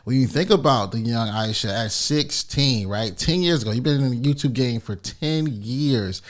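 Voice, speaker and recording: A man's voice: mid-range voice, moderate pace. A man hosting a podcast, talking in a casual, hyped-up, encouraging way. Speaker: podcast host. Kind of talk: podcast interview.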